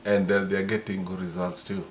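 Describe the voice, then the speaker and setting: A Kenyan man in his sixties, answering his daughter's questions in a casual family interview, pausing often with "uh" between his words. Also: low-pitched, flat delivery, a little hiss or hum. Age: 60s. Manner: hesitant, many pauses and "uh" fillers. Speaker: interviewee, father.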